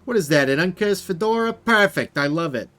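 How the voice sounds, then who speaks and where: Give me a pushy, flattering hat photographer, as a man puts him on for a game, pitched high and loud. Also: fairly quick. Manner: pushy, flattering, calls everyone baby. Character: brash fast-talking male hat photographer hustler.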